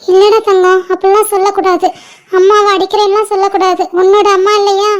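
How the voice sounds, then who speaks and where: Woman doing a super high flat-voiced sad big sister, soft and resigned, homemade audio drama, quiet music behind. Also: a little fast. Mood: gentle. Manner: soft-spoken, tender and resigned. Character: sorrowful young bride-to-be, gentle elder sister. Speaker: elder sister. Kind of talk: amateur home-made audio drama.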